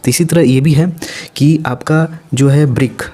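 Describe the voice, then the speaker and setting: A man giving a casual exam-prep vocabulary lesson, talking in a lively, playful way with chatty asides. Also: on the high side, measured pace, slightly rough. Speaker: vocabulary teacher.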